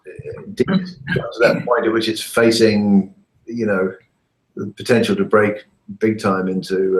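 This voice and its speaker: A man's very deep voice comes through a call line that keeps breaking up and rings with echo. He talks casually and hesitantly, full of pauses and fillers. It is a lecturer in an easygoing chat. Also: darkish tone. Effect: remote call line that breaks up, with echo. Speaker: university lecturer. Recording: echoey, breaking-up call audio.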